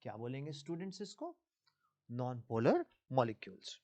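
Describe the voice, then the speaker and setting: Unhurried and dark-toned, this man's medium-pitched voice carries lively intonation. He speaks with an Indian accent while teaching physics in class, blending Hindi with English and putting questions to his students as he goes.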